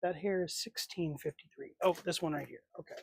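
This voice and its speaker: A man's voice: fairly high pitch, fairly even intonation, brisk, creaky, husky. A man hosting a casual livestream, chatting and talking to himself as he swaps parts on figures. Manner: rambling, talks to himself as he works. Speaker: livestream host. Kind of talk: casual live chat while swapping figure parts.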